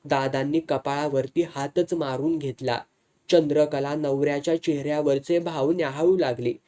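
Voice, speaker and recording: A storyteller narrating a village tale in a measured, dramatic way. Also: mid-range voice, fairly even intonation, warm tone.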